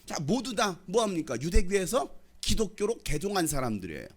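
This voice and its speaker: A man's voice: high voice, sing-song, a little fast. A middle-aged male pastor from the Jeolla region preaching a sermon, quizzing and teasing the congregation. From Jeolla, South Korea.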